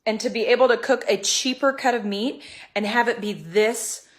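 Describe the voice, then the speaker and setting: A woman hosting a casual home cooking video, excited and gushing, with frequent laughs. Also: fairly high pitch, moderate pace. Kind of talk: casual cooking vlog chat.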